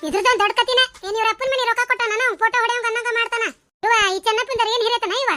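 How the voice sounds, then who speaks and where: Shrill teasing village aunties. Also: female voice, flat delivery, very fast, over loud music. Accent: North Karnataka Kannada. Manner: bossy, teasing, gossipy. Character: chatty, teasing village women at a wedding. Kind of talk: cartoon voice acting.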